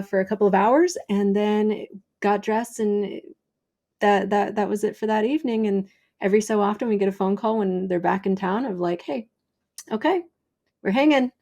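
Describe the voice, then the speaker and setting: A woman's voice: medium pitch, a little mellow. A woman in her thirties, a sexologist, telling stories in a blunt, profane way and acting out the people she quotes. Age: 30s. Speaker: sexologist guest. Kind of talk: casual storytelling.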